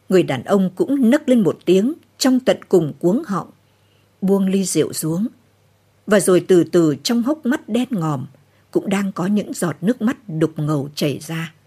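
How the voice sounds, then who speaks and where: A woman narrating a novel in a slow, somber late-night reading. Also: medium pitch, dark tone, husky.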